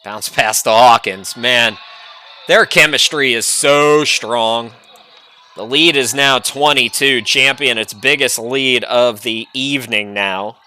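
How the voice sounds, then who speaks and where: Bright-voiced basketball announcer. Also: male voice, medium pitch. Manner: chatty, rambling asides between excited calls. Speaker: play-by-play announcer. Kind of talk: basketball play-by-play commentary.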